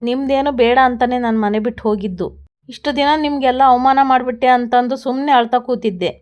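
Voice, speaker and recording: A woman's voice: on the high side, fairly even intonation, brisk, clean tone, muffled recording, close to an everyday voice. A woman reading a defiant, wounded young woman.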